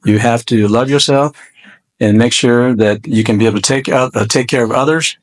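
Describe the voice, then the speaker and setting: A man contestant on a dating show, speaking earnestly and haltingly. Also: mid-range voice, rough recording. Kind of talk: casual chat.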